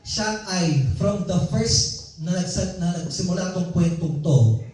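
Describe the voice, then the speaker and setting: Guy preaching at church, high mellow voice, chatty storytelling sermon, super echoey hall, sounds far from the mic. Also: slow, slight background noise. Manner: personal, conversational storytelling preaching.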